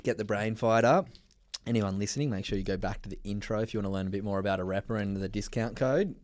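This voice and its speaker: An upbeat man hosts a casual podcast interview, chatty and friendly in tone. His voice sits fairly low. The sound is dry and close, with no room echo. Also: fast talker, darkish tone. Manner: upbeat, chatty, says mate a lot. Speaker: podcast host. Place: indoors, travelling in New Zealand.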